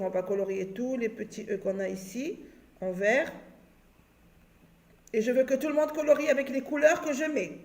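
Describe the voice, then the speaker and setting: A woman's voice: fairly high pitch, creaky, darkish tone. A woman teaching a phonics lesson to young pupils, patiently repeating letters and checking in with them as she goes. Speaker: primary school teacher. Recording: roomy echo.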